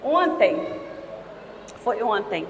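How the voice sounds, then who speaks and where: A woman's voice: mid-range voice, big pitch swings, extremely slow, a little hiss or hum. A woman preaching a sermon in a church, telling stories and talking directly to her congregation. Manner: storytelling, conversational asides to the congregation. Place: church hall. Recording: echoey church hall.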